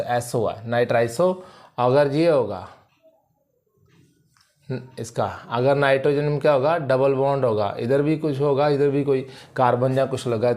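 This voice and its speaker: A man's voice: mid-range voice, a little mellow. A male chemistry teacher with a Punjabi accent, lecturing at a board and drilling each point by asking a question and then answering it himself.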